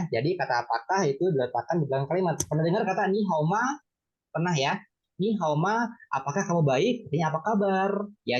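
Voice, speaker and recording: Encouraging woman teacher on a dull call. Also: sits low. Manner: encouraging, calls on students by name, repeats syllables. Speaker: Mandarin teacher. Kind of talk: online beginner class teaching. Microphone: video call. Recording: slightly dull lo-fi sound.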